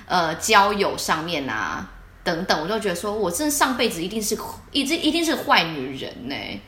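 A young woman chats on a casual podcast, her voice bright and her pitch swinging widely as she tells animated stories and laughs often. The sound carries a noticeable room echo. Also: normal speed. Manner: animated storytelling with frequent laughter. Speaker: podcast co-host. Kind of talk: casual chat.

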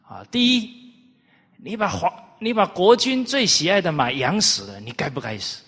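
A man's voice: high voice, very animated, normal speed, fairly bright tone, husky, pitched above the performer's own voice, heavily acted. A man doing a shrewd ancient minister scolding. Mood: mock-stern. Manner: emphatic, rising, listing charges. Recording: reverberant hall.

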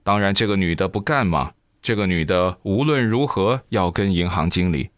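Brief: man, low voice, lively sermon storytelling, very dry close sound. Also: normal speed, no room sound. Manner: lively folksy storytelling with exclamations. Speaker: reciter of a sermon.

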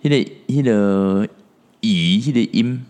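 Brief: lower-pitched man, podcast co-host, chatty explainer who trips over his words. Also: slow, a little mellow. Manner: explains at length, mixes in Taiwanese Hokkien, stumbles and repeats words. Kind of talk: casual podcast chat.

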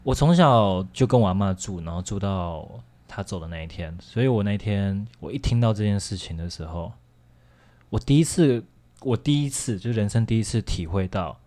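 Low-voiced young man with a Taiwanese accent. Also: animated, moderate pace, warm tone. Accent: Taiwanese Mandarin. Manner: candid, rambling, frequent restarts and laughs. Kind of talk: casual storytelling chat.

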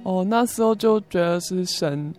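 Over music, a young Korean-born student being interviewed shares her personal experience in Mandarin, her Korean accent clear since Korean is her mother tongue. She talks at normal speed in a fairly low, darkish voice, using simple, halting phrases that repeat.

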